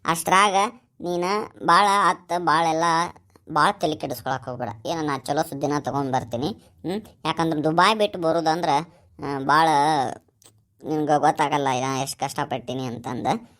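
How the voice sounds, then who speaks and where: A woman voicing a young village man working abroad, gentle and pleading, with a North Karnataka Kannada accent. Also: low-pitched, normal speed, pauses often. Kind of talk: cartoon voice acting.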